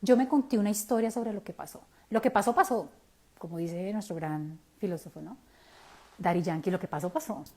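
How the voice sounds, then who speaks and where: A woman's voice: medium pitch, a little fast. Candid Colombian woman telling her story. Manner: candid and animated, slangy asides. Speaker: self-help speaker. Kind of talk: personal storytelling talk.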